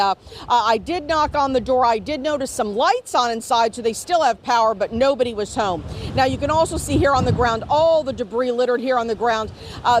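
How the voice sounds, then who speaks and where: High-pitched woman reporting live outdoors. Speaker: field news reporter. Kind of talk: live storm damage reporting. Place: outdoors on a storm-hit residential street. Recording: outdoor noise from street location.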